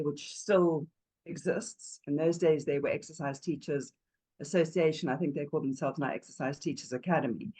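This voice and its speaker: A woman's voice: low voice, poor audio. A woman in her sixties from Zambia, a yoga teacher telling her life story as an interview guest in a chatty, wandering way, sometimes searching for words. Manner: chatty and digressive, warm laughs, searches for words.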